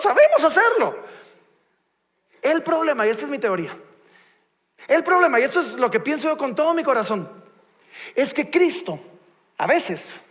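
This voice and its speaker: A man preaching a lively sermon in a church, reading scripture aloud and retelling it with humor. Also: very high voice. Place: church sanctuary. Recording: long church reverb.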